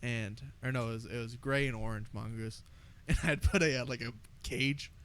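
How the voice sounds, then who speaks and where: Bright-voiced, boisterous American frat-bro guy. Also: mid-range voice, fairly even intonation, moderate pace, a little hiss or hum. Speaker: podcast co-host. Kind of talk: casual chat, storytelling.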